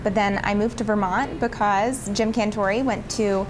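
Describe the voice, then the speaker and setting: A woman's voice: mid-range voice, steady tone, normal speed. A young woman giving poised, chatty pageant answers as an interviewee. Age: young adult. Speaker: pageant titleholder being interviewed. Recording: noisy room ambience.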